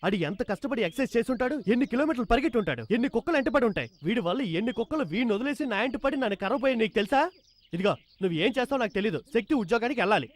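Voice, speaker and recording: Fast-talking comic uncle. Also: male voice, very high-pitched, expressive. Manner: rapid, teasing, loud comic banter. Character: loud meddling younger brother, comic uncle. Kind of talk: film comedy dialogue. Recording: film soundtrack with faint music.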